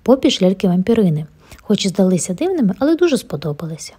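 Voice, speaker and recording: A woman reading a children's bedtime story aloud in a gentle, expressive way, with a breathy voice. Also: medium pitch, fast.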